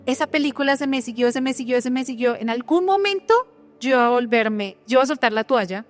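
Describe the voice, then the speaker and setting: Woman preacher, sermon, fairly high voice, earnest testimony, questions to the congregation, soft music behind. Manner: earnest personal testimony with rhetorical questions to the audience.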